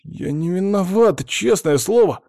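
A man's voice: sits high, expressive, unhurried, creaky, dark tone, dry recording, studio quality, pitched above the performer's own voice, full character voice. A man reading an audiobook, voicing a nervous, defensive young male sysadmin who whines and flares up. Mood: indignant. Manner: whiny, flaring up, nervous protests.

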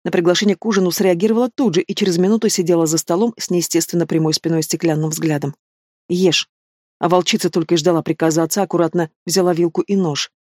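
Expressive audiobook narrator, dry sound. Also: mid-range voice, racing, hardly any pauses, no echo. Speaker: audiobook reader. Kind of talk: scripted narration.

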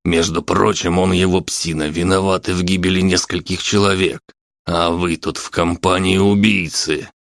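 A man voicing an angry, gruff old grandfather in an audiobook, barking his orders in a deep voice. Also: little pitch movement, normal speed, fairly bright tone, no room sound, studio quality. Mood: furious.

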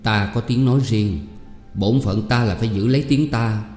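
A man voicing an earnest middle-aged father who explains things patiently and in a measured way, in a storybook reading. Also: lowish voice, darkish tone, lightly acted. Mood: lecturing. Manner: measured, instructive, sentence by sentence. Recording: reverberant hall with faint music.

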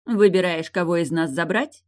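A woman's voice: on the low side, normal speed, darkish tone, natural voice. A woman voicing a bold, mocking captive woman who taunts her captor in an audiobook. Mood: taunting. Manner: taunting, sneering.

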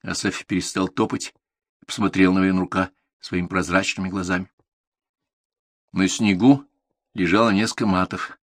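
A man calmly reading a literary story aloud as a narrator, in a measured storytelling manner. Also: sits low, no room sound, studio quality. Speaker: audiobook narrator.

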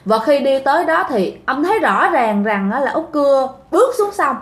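A woman's voice: high-pitched, very animated, moderate pace. Chatty Southern Vietnamese woman telling a ghost story. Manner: chatty, speaks directly to listeners, many fillers. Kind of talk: casual spoken storytelling. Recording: roomy echo.

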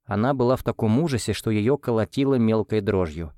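A man narrating a fantasy novel in the first person, with steady, even storytelling. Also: fairly low pitch, a little fast, no echo, clean studio sound. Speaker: audiobook narrator.

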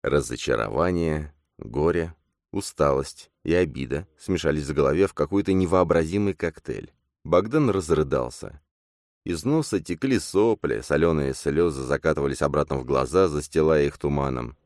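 A man narrating an audiobook in an expressive storytelling manner. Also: very deep voice, moderate pace, no echo, studio quality. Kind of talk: scripted narration.

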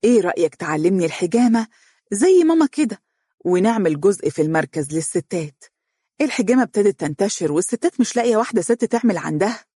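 A storyteller voicing a lively, teasing young wife in Egyptian dialect, pitching up to play her. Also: fast talker, husky, no room sound, studio quality. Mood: persuasive. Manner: bright, teasing, rising excited pitch. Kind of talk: storybook reading.

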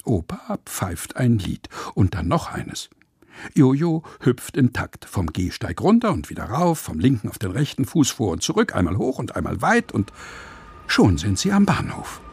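Husky man reading a children's story. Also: medium pitch, normal speed, no room sound. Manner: expressive, playful storytelling. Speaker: narrator.

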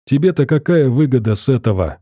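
A man's voice: mid-range voice, expressive, a little fast, warm tone, no room sound, clean studio sound, lightly acted. A man doing a grumbling, fatalistic bandit. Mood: gloomy. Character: gruff male bandit, fatalistic.

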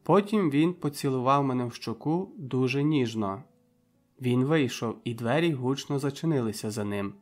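A man's voice: mid-range voice, lively intonation, normal speed. Man narrating an audiobook, faint music. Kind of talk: scripted narration.

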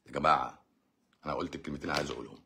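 Egyptian guy doing a live q&a as a doctor, talks super fast, blunt and sarcastic. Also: extremely low pitch, gravelly, pushed and bright, slight background noise. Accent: Egyptian Arabic. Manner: blunt, sarcastic, mocks viewer comments. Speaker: doctor hosting a live stream. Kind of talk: live-stream Q&A.

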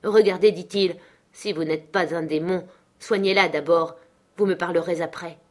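A woman reading the part of a passionate, brooding man who speaks urgently and forcefully. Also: lowish voice, fairly even intonation, moderate pace, close to an everyday voice. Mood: fierce.

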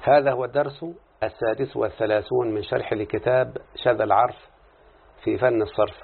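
A brisk, steady-toned man with a medium-pitched, gravelly voice and a breathy edge teaches Arabic morphology as a sheikh. Speaking with an Egyptian Arabic accent, he asks his students questions, answers them himself, and shifts between classical and everyday speech. This recorded lesson sounds tinny and phone-like.

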